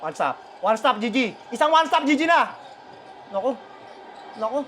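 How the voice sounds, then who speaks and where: High, bright man reacting to basketball. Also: animated, moderate pace. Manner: shouts, swears and laughs at plays, calls out players. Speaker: fan reacting live to a basketball game. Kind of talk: excited live game reaction.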